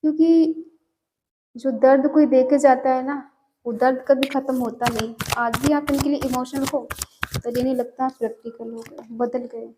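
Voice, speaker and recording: A woman with a high voice gives a collective tarot love reading. She talks earnestly and repeats herself, often checking in with the listener as she goes. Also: fairly even intonation, normal speed, background noise. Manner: earnest, repetitive, often asks "ठीक है". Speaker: tarot reader.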